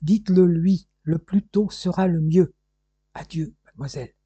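A reader voicing a calm, secretive male stranger who speaks in a hush, in a dull lo-fi audiobook recording. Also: mid-range voice, normal speed, slightly rough, no room sound, natural voice. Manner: hushed, whispering.

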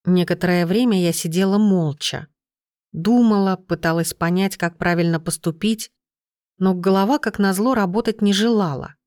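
A woman reading a first-person audiobook in a steady, measured storytelling voice. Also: mid-range voice, no echo, clean studio sound. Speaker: audiobook narrator.

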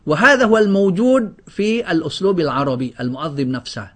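A man's voice: on the high side, fast, a bit bright. A man teaching a grammar lesson to a class, drilling word lists and quizzing students with questions. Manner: often breaks off and restarts words.

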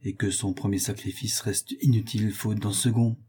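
A man's voice: lowish voice, flat delivery, moderate pace, warm tone, husky. A man reading the part of a young viscount who pleads with his father and then schemes aloud. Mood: scheming.

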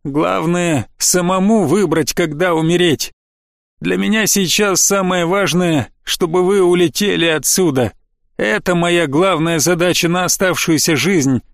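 A man's voice: high-pitched, measured pace, gravelly, dry recording, studio quality. A man voicing an old male professor in an audiobook, tender and resolute, ready to sacrifice himself. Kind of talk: audiobook reading.

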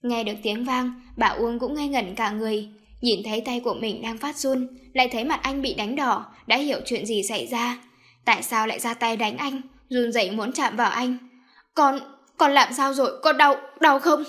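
A woman reading a story aloud with steady, even narration. Her voice sits a little high. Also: brisk.

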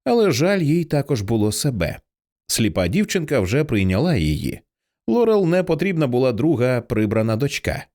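A man narrating an audiobook in an expressive storytelling way. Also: medium pitch, moderate pace.

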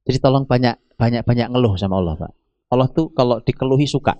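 A middle-aged man preaching a sermon, animated and emphatic, often addressing his listeners directly. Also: medium pitch, fast, no echo, muffled recording. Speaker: Islamic preacher.

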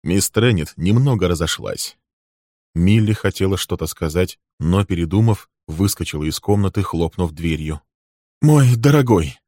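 A man narrating an audiobook in a plain, steady reading voice. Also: low-pitched, moderate pace, no room sound, studio quality.

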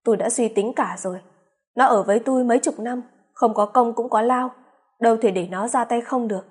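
A man's voice: very high-pitched, a little fast, husky. A woman reading the part of a bitter, blunt man. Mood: resolute. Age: 50s. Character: aging man, bitter, resolute about divorce.

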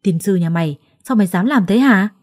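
A woman's voice: medium pitch, lively intonation, brisk, darkish tone, no room sound, clean studio sound, lightly acted. A woman voicing a furious, abusive middle-aged mother-in-law who screams insults. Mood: enraged.

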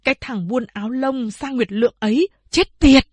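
A woman's voice: sits high, normal speed, husky, no echo, voice pushed up. A woman voicing a stern, anguished middle-aged mother who pleads and scolds. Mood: fierce. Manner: pleading, then fierce.

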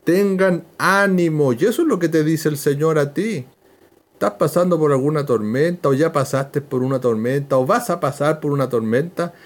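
A man teaching a verse-by-verse Bible lesson, slow and emphatic, repeating key phrases. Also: on the high side, expressive, a little mellow.

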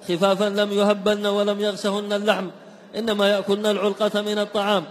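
A man reading classical text aloud in a steady, chanting recitation for a class. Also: high-pitched. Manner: even, chanting recitation of chains of narrators. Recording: long hall reverb.

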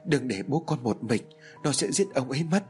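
A man's voice: medium pitch, lively intonation, moderate pace, a little mellow, soft background music, lightly acted. A man voicing a terrified middle-aged village mother who pleads frantically through sobs. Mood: terrified sobbing.

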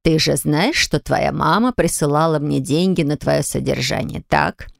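A shrewd old grandmother in a storybook, low and gravelly, drawing her words out in a slow, knowing way, as a woman narrator puts her on. The sound is close and dry. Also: dry recording. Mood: sly. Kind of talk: audiobook character voicing.

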